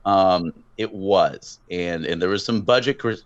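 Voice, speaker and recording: A man's voice: low voice, a little slow, dry recording, lo-fi sound. A man hosting a podcast, chatting casually, rambling with fillers and frequent laughs. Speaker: podcast host. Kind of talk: casual chat.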